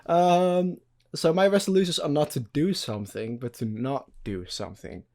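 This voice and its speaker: A man's voice: fairly high pitch, moderate pace, darkish tone. A young man from the Netherlands, hosting a casual podcast chat, rambling loosely, swearing and laughing often. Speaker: podcast host.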